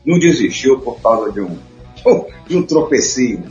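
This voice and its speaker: A man in casual conversation, talking in bursts of excited storytelling and laughing between memories. His voice carries a roomy echo, the sound is a little muffled, and faint music plays underneath. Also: mid-range voice, moderate pace. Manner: animated storyteller, laughs often. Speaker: guest. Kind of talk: casual chat.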